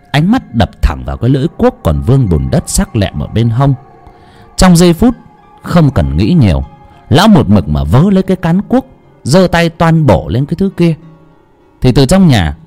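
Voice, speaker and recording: A man narrating a ghost story in a dramatic, animated storytelling voice. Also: medium pitch. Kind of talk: scripted horror narration. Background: faint background music.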